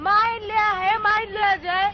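A woman's voice: extremely high pitch, little pitch movement, brisk. A woman in a comic drama playing a quarrelsome passenger who argues in colloquial speech. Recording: dull lo-fi with crowd. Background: crowd chatter.

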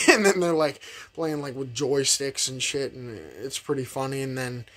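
A man's voice: medium pitch, steady tone, normal speed, crowd noise. A young man reviewing a film in a casual, rambling way, swearing a lot, filling gaps with "like", and laughing as he goes. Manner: rambling, profane, heavy use of fillers; laughs often while talking. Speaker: movie reviewer.

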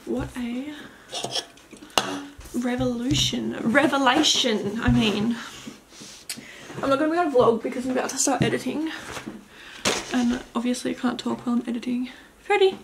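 An eighteen-year-old beauty vlogger chats casually to camera at home, rambling with plenty of "likes" and "ums" and sometimes dropping to a whisper. Her fairly high voice is somewhat fast and fairly even, with vocal fry. A tripod-mounted camera mic picks her up indoors along with some background noise.

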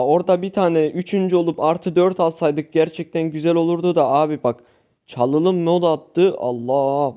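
A young man commenting live on his own gameplay for his channel, animated, talking to viewers and shouting at teammates. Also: on the high side, clean tone. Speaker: gaming youtuber.

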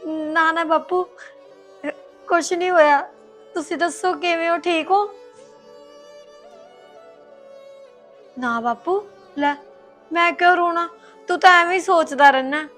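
An actress playing a sad, put-upon young wife in a short film drama, talking softly and resigned, holding back tears. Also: female voice, very high-pitched, moderate pace, long pauses, faint music behind. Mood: forced cheer. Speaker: daughter-in-law. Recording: roomy echo.

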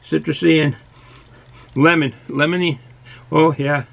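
A man in his sixties from Boston, United States, with a thick Boston accent, reviews beer for the camera in a small, cluttered indoor hobby room. His voice is fairly high, gravelly and level in tone, with a measured pace, and he chats casually and rambles a little. The recording sounds muffled.

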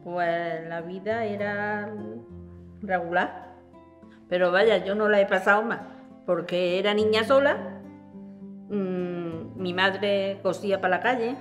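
A woman's voice: medium pitch, steady tone, slow pace, long pauses, dull audio. Lady in her 70s, matter of fact, short answers, light guitar behind. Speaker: interviewee, homemaker. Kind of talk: reminiscing interview. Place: living room at home.

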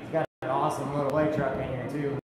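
Man, chatty promotional live feed, echoey barn, loud crowd behind. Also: medium pitch, flat delivery, quick pace. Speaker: vlogger doing a live feed. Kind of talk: casual live walkaround commentary. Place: large fair barn with crowd, outdoors and indoors. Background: loud fair crowd.

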